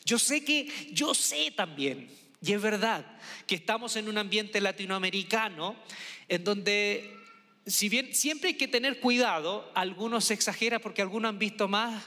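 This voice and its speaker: A man's voice: high-pitched, animated, measured pace, sharp tone. A man from Chile giving a lecture-style talk, telling stories and repeating key points for emphasis. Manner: storytelling, emphatic repetitions. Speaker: speaker. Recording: long hall reverb.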